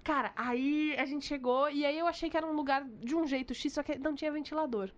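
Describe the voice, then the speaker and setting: Young woman host, high voice, animated storyteller, slightly muffled lo-fi sound. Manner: animated storyteller, quick asides. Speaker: podcast co-host. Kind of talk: casual chat.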